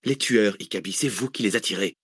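A man's voice: lowish voice, brisk, fairly bright tone, breathy edge, no room sound, studio quality. A man reading an audiobook, voicing an angry, sarcastic female researcher on the run. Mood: sharp. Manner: biting, sarcastic, exclamatory. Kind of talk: audiobook character voice.

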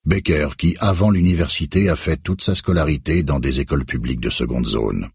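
A man reading a novel aloud in measured, expressive scripted narration. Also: a bass voice, vocal fry, husky, no echo, studio quality. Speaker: audiobook narrator.

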